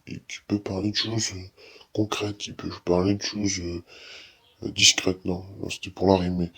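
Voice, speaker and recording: Young man in a disguised deep voice. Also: a bit bright, husky. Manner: rambling, with many restarts and repeats. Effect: disguised, altered deep voice. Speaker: YouTuber. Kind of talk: casual opinion monologue.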